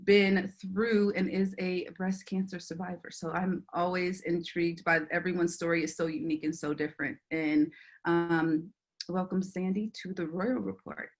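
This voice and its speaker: A woman's voice: fairly low pitch, fairly even intonation, moderate pace. A woman hosting an interview, introducing her guest in a friendly, casual way with fillers. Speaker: host.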